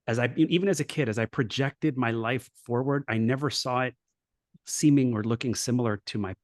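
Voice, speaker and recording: A middle-aged man from Los Angeles, USA, speaks a little fast in a mid-range voice, recorded with studio quality and no echo. A coach and former professor, he's a guest on an interview show, recounting his life story earnestly and reflectively, often restarting and saying "you know."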